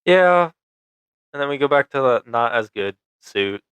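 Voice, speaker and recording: A male podcast co-host talking through a film in a loose, enthusiastic, rambling way. His voice is clean and resonant, sitting at an ordinary pitch for a man. It is recorded close and dry, with no room sound. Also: animated, measured pace, a bit bright, smooth, no room sound, muffled recording. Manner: enthusiastic, rambling, laughs easily. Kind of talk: casual movie review chat.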